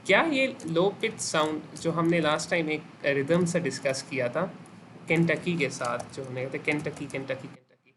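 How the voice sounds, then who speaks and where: A man's voice: on the high side, expressive, normal speed, fairly bright tone, slight background noise. Man with a Pakistani Urdu accent, lecturing on medicine. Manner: asks students questions and repeats their answers; mixes English medical terms into his talk. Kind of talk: classroom lecture.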